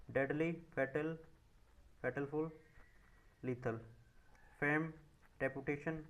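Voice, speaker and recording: Man, Indian accent, very slow pace, mid pitch, drawn-out word lists. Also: a bit bright, rough recording. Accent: Indian English. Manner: slow, drawn-out listing of words, quick asides in Hindi. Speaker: exam vocabulary teacher. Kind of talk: reading word lists with Hindi explanations.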